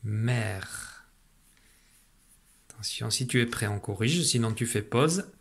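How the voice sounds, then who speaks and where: A man teaching a remote lesson to young children, patient and slow, repeating syllables for a dictation. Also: medium pitch, lively intonation, fairly bright tone, slightly rough. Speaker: primary school teacher.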